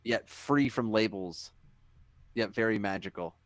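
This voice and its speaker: A man co-hosting a casual podcast, earnest and preachy, sometimes rattling off words fast. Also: on the low side, dry recording. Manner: earnest, preachy, talks about hidden truths, sometimes fast. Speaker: podcast co-host. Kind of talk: casual chat.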